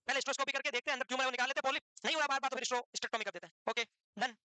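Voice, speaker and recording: A man's voice: extremely high pitch, fairly even intonation, rapid-fire, bright, forceful tone, clear, resonant tone, dry recording. A man lecturing a nursing class live, teasing students and firing questions at them.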